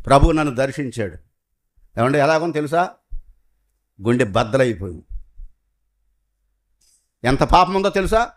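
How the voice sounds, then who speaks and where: A middle-aged man preaching a sermon, asking rhetorical questions and swinging between loud emphatic bursts and hushed confession. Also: medium pitch, animated, normal speed, pauses often.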